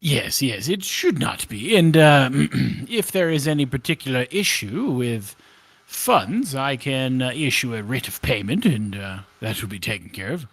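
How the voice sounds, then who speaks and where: A man voicing a proper, aloof elven gentleman in a tabletop game, slow and deliberate. His voice is gravelly and his delivery swings widely in pitch. The sound is dry and close. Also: very animated, dry recording. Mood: formal. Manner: stiff, formal, measured.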